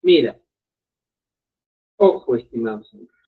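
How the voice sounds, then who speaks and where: A man's voice: mid-range voice, animated, a little slow, breathy edge. A man teaching a live online language lesson, explaining patiently and often checking whether his students follow. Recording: tinny phone-like audio.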